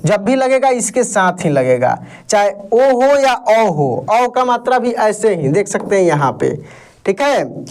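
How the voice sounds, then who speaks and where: Teacher, slow pace, mid-pitched voice, repetitive sound drills, beginner lesson. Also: sing-song, darkish tone. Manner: asks the class questions and answers them itself. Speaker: Hindi reading teacher.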